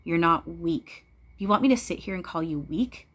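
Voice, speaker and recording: A woman's voice: fairly low pitch, expressive, normal speed, fairly bright tone. A woman giving a casual spiritual talk to viewers, blunt and preachy, swearing freely and repeating phrases for emphasis. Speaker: spiritual channeler speaking to viewers.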